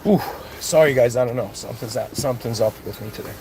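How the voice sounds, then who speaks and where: A man's voice: mid-range voice, quick pace, dark tone, a little hiss or hum. A man born in Iran and raised in Canada, giving an impassioned, searching spiritual monologue with many restarts and rising outbursts. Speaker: spiritual speaker.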